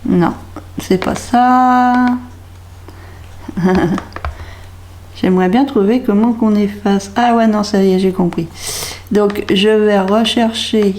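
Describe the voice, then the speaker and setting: A woman's voice: medium pitch, slow pace, long pauses, mellow, a little hiss or hum. A French woman, a craft vlogger, thinking aloud as she tries out a label maker, hesitant and puzzled, muttering to herself. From France. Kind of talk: thinking aloud while trying a device.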